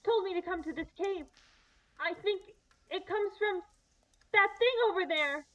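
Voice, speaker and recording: A woman's voice: very high-pitched, a little slow, a bit bright, lo-fi sound. A woman voicing an earnest, helpful young boy in a radio play. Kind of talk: old-time radio play acting.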